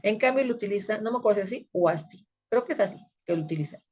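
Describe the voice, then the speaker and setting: A woman's voice: medium pitch, animated, racing, a little mellow, highs cut off. A woman, teaching a recorded video lecture in a conversational way that often checks her listeners are following. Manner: conversational, frequent checking tags.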